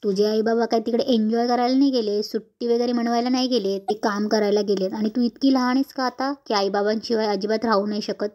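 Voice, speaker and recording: A woman's voice: fairly high pitch, steady tone, fast, few pauses, lightly acted. A woman voicing a caring middle-aged mother who chides her niece affectionately, in a spoken serial recap. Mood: gentle, affectionate. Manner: gentle, affectionate scolding.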